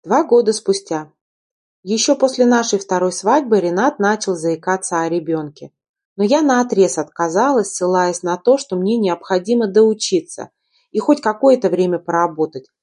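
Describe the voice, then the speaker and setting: A woman narrating a romance novel in the first person, in a calm, even storytelling manner. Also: medium pitch, moderate pace. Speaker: audiobook narrator.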